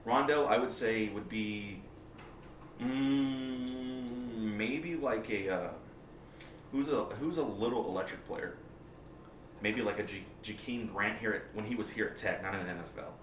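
A man's voice: on the low side, a little slow. A man co-hosting a sports podcast, giving casual, opinionated commentary in an emphatic way. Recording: distant, echoey room with clear noise.

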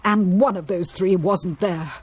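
Blunt, distraught countrywoman, husky voice, radio drama. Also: on the low side, measured pace. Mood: urgent. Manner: brusque, distraught.

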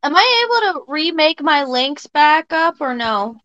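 A woman's voice: high-pitched, big pitch swings, measured pace, fairly bright tone, no room sound, lo-fi sound. A woman playing a tabletop game, chatting and describing her character's moves. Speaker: player. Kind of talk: casual tabletop play.

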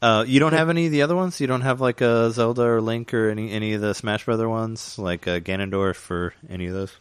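Man, very low voice, casual gaming chat, rambling, dry close sound. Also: fast, clear, resonant tone, dry recording. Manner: rambling, full of fillers and restarts. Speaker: gamer chatting.

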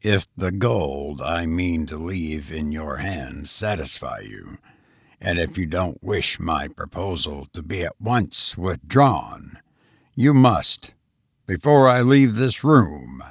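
A man reading the lines of a mysterious, testy old gentleman suitor who speaks dryly and commandingly, recorded close and dry. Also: low voice, expressive, slow pace, breathy edge, no room sound, voice pushed down, full character voice.

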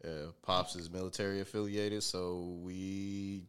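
A man with a very low voice, talking as a guest on a podcast. He is easygoing and slangy, with casual swearing. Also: level tone, measured pace, fairly bright tone, clear, resonant tone.

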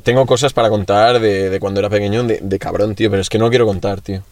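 A young man from Spain with a Peninsular Spanish accent, casually chatting as a podcast co-host and telling animated stories with acted-out voices and sound effects. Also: lowish voice, fast, crowd noise. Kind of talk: casual chat.

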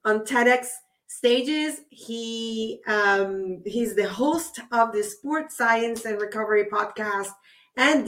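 Excited lady podcast host from puerto rico, kinda high voice, takes her time. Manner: enthusiastic, laughing easily. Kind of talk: podcast interview.

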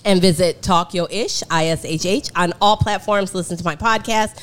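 A woman hosting her own podcast, chatting in a playful, cheeky way and plugging her pages. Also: on the low side. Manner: playful, cheeky, quick to laugh along. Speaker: podcast host. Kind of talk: casual podcast chat.

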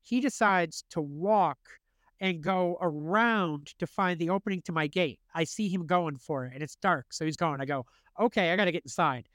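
Young man, podcast host, casual storytelling, swears a lot, fairly high voice, dry close sound. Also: moderate pace, no room sound. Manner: animated, swears freely, acts out quotes.

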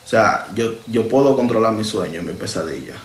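A man's voice: fairly low pitch, normal speed, a little hiss or hum. Man telling a spooky story in an echoey room. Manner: animated, conversational, speaks directly to listeners. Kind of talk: casual first-person storytelling.

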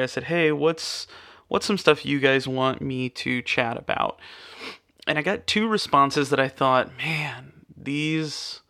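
A man's voice: mid-range voice, smooth. A young man hosting his own podcast from a spare-bedroom studio, chatting casually with lots of fillers and restarts. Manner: relaxed, many fillers and restarts. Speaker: podcast host. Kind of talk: casual rambling monologue. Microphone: studio microphone.

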